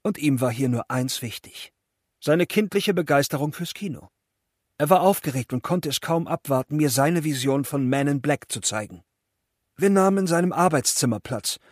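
A man reading an audiobook, telling his story in a lively, self-mocking way on a close studio mic. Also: a little high, moderate pace, no room sound. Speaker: audiobook narrator. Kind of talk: scripted audiobook narration.

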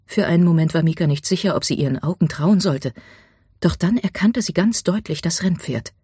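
An audiobook narrator reading a dramatic story, dropping to a hush at tense moments. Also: mid-range voice, expressive, moderate pace, breathy edge, no echo, clean studio sound.

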